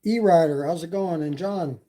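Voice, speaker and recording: A slightly Canadian-accented man from Canada runs a relaxed e-bike live stream, talking at a normal speed in a mellow, somewhat high voice. His talk is rambling and packed with fillers as he responds to what viewers type in chat.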